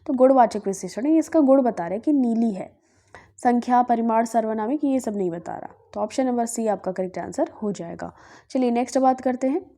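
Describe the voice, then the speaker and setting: Working through previous exam questions, a Hindi grammar teacher from Bihar, India asks herself questions and answers them as she explains, often with "ठीक है". Her slightly high voice has a warm tone.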